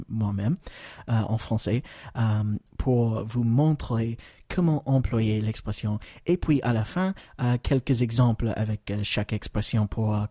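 An American man hosting a podcast lesson, patient and hesitant, with many fillers and slow, carefully spoken model phrases. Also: on the low side, dark tone, husky, dry recording, clean studio sound. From United States. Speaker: English teacher, podcast host.

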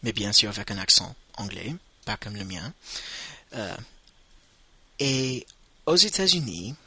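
A man's voice: on the low side, very animated, measured pace, bright, forceful tone, husky. A man teaching vocabulary in a patient lesson, saying each word and repeating it for learners to echo. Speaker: language teacher. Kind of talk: slow spoken language lesson.

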